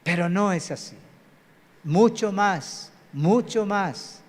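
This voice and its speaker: A Colombian man, pastor of a congregation, preaches a live sermon in a large church hall, and the recording echoes with the hall's reverb. His voice is high-pitched and slow, and his preachy delivery keeps calling on the congregation to say amen.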